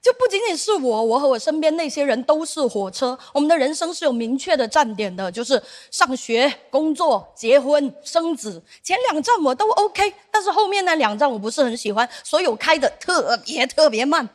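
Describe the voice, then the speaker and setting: A woman's voice: high-pitched, expressive, fairly quick, hardly any pauses. A young woman performing a stand-up set, telling stories and acting out the lines of the people in them. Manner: storytelling with acted-out dialogue. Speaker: stand-up comedian.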